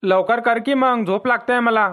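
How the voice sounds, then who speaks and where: A man's voice: very high-pitched, normal speed, fairly bright tone. A man, voicing the brash, blustering characters of a village cartoon comedy.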